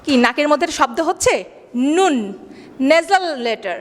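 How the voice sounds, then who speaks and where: A Bangladeshi school teacher gives a classroom lesson, explaining in slow, deliberate English and then repeating in faster Bengali, quizzing the class by asking questions and answering them. Her high voice is expressive and fairly bright, with long hall reverb.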